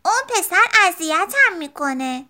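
A small, earnest schoolgirl, voiced by a woman reading a storybook, pleading in a high, bright little voice. She speaks plainly and simply, like a hurt child. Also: very animated, full character voice. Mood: plaintive.

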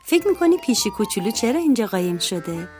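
A woman reading a children's storybook aloud in a lively, expressive way. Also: on the high side, music in the background.

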